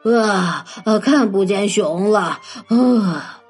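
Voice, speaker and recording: A woman's voice: on the high side, animated, measured pace, a bit bright, husky, faint music behind, full character voice. A woman voicing a hungry, sly and cowardly male wolf in a children's story, stammering and whining. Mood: weary, whining.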